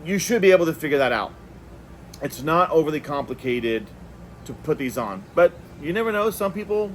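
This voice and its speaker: Animated and a little high-pitched, a man speaks at normal speed while hosting an unscripted product review, thinking aloud in a relaxed, conversational way. A slight hiss or hum sits under the audio.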